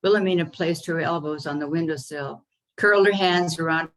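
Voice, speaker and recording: A woman author reading her own children's story aloud over a video call, unhurried with the odd um. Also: deep voice, poor audio. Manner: unhurried reading with occasional ums.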